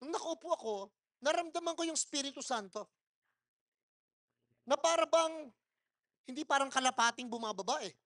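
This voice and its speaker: A man with a notably high voice preaches at a church service held in a mall. He tells his sermon as a string of personal stories, pushing his voice loud on purpose so people nearby can hear. He mixes English phrases into his talk and laughs often along the way. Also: moderate pace, pauses often. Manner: storytelling, mixing in English phrases. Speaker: pastor.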